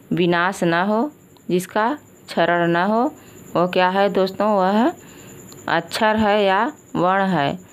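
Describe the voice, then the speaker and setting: A woman with an Indian accent giving an exam-prep lesson, asking questions and answering them herself, repeating each point. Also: medium pitch. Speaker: Sanskrit teacher.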